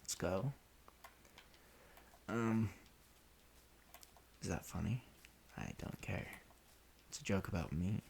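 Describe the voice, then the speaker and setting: A man casually rambling in an offhand, deadpan way while he plays a video game, often restarting his sentences. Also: deep voice, takes it slowly, creaky, long pauses, a little hiss or hum. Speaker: solo podcaster playing a video game.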